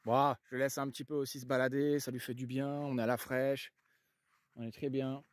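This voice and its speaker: Man, French accent, casual vlog chat, relaxed, lots of fillers, mid pitch, dry sound. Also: moderate pace, dry recording. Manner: chatty, relaxed, lots of fillers, shouts to his dog. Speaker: vlogger. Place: outdoors on a country walk, then at his camper.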